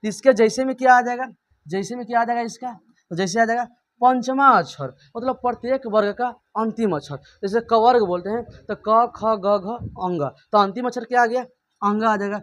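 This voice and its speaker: A man's voice: very high voice, steady tone, moderate pace. A man teaching a grammar lesson. He keeps asking and answering his own questions and repeats every point.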